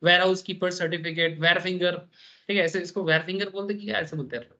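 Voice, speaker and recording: A man lectures a class on business law in a high voice, telling anecdotes and checking that the students follow. He talks in a chatty, storytelling way and mixes in English terms. The recording is dull and lo-fi. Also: fairly even intonation, fast, sharp tone. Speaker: teacher.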